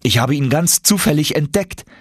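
A man's voice: fairly high pitch, lively intonation, moderate pace, husky, no room sound, clean studio sound, pitched above the performer's own voice. A man voicing an earnest, anxious young male nephew in an audiobook, calling out urgently. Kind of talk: audiobook reading.

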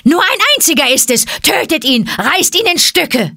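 A woman's voice: sing-song, normal speed, creaky, dry recording, studio quality, full character voice. A woman voicing a mob of wild, shrieking monkeys in a read-aloud jungle story. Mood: shrill frenzy. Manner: shrill, frantic shouting.

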